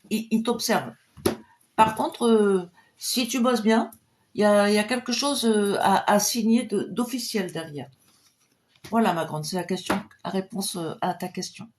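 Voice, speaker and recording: Woman, clairvoyant, live-stream pendulum readings, cheerful, chatty, mid-range voice, murmured invocations. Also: mid-range voice.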